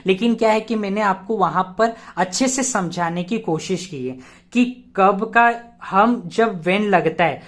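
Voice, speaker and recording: High-voiced man teaching grammar step by step. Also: measured pace. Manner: repetitive, asks rhetorical questions, spells words letter by letter. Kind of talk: grammar lesson explained step by step.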